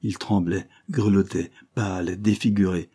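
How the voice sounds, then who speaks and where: A man narrating a classic novel as an audiobook, in a measured literary reading. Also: sits low, steady tone, dark tone, slightly rough. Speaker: audiobook reader. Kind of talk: scripted narration.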